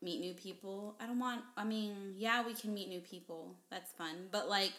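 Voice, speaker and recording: A woman's voice: mid-range voice, normal speed, a bit bright. A woman chatting casually with her husband for their vlog, chatty and giggly, rambling a little. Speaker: wife in a couple's vlog. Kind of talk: casual chat.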